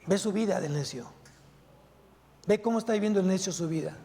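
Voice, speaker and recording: A male pastor preaches at a brisk pace, his voice high and mellow, challenging his listeners with pointed rhetorical questions. The sermon echoes with the lengthy reverb of the church sanctuary.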